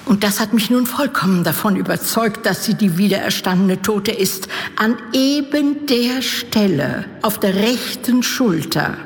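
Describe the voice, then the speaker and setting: An actress playing a devoted, superstitious castle nurse, imploring and solemn in archaic speech, in a gothic audio drama. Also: female voice, medium pitch, lively intonation, a little slow, hardly any pauses. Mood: dread. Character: fearful, pleading old-fashioned castle nurse, devoted and superstitious. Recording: long reverberant hall.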